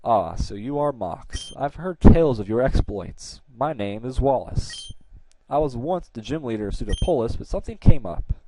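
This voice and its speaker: A man voicing a grave male former gym leader from a video game, reading slowly and solemnly. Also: medium pitch, expressive, noisy background, natural voice.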